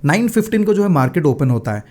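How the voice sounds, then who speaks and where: Casual male vlogger, thirties, high voice, loose talk full of fillers. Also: very animated, fast, darkish tone. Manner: chatty, Hindi-English mix, frequent fillers. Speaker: day trader sharing his mistakes.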